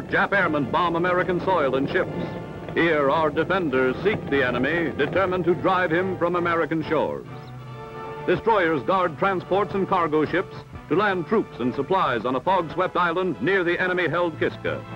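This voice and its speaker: Speaking at a moderate pace in a fairly high voice, this newsreel announcer delivers 1940s narration dramatically and emphatically. Loud music plays behind him on a dull, lo-fi film soundtrack.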